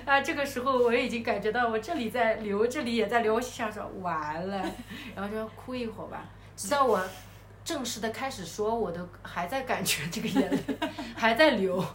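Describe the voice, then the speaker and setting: A woman's voice: a little high, a little fast. A woman co-hosting a podcast, telling a story in casual chat and laughing often as she goes. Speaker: podcast co-host. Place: hotel room. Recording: echoey room, faint background noise.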